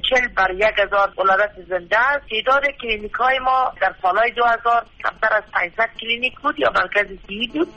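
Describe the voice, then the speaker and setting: A woman's voice: a little high, hardly any pauses, pushed and bright. A woman health ministry adviser with an Afghan Dari accent, speaking factually and citing figures. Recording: dull phone line.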